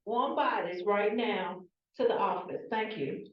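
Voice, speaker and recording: A woman making a polite, formal announcement over a school intercom, repeating her request to teachers, heard through the classroom loudspeaker. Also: mid-range voice, a little slow. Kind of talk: public address announcement. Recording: muffled echoey loudspeaker heard from afar.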